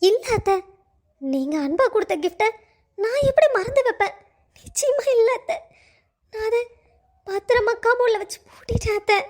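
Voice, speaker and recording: A woman voicing a gentle, trusting young daughter-in-law in a cartoon, pleading and tearful. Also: very high voice, big pitch swings, normal speed, pauses often. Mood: earnest. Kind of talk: cartoon voice acting.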